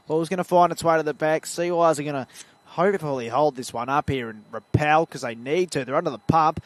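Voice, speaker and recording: At a suburban football ground, a man with an Australian accent calls amateur play-by-play in a chatty way, his slightly high voice rising when the action picks up. There's no echo on the recording.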